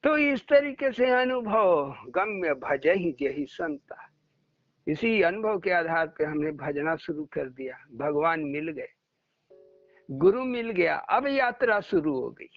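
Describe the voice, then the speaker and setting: A man's voice: on the high side, very animated, slow, no echo. A man giving a devotional satsang talk, telling stories and acting out the dialogue in them. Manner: storytelling, acting out quoted dialogue. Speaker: spiritual teacher. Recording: muffled lo-fi recording.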